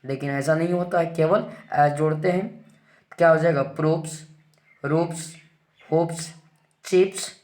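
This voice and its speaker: A man's voice: fairly high pitch, fairly even intonation, darkish tone. Man teaching grammar, asking himself questions. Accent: Indian English. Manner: explains in Hindi, reads English rules slowly, asks and answers his own questions. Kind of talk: classroom-style grammar lesson.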